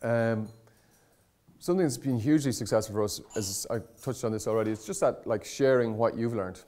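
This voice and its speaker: In an informal talk on startup content marketing, a male conference speaker rambles conversationally, hesitating, correcting himself often and putting things in blunt, colloquial terms. His medium-pitched voice is brisk and a little mellow.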